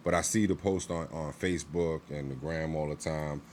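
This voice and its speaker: A man's voice: rumbling low, steady tone, moderate pace, a little mellow, slight background noise. A man in casual chat on a stream, easygoing and slangy, often repeating phrases.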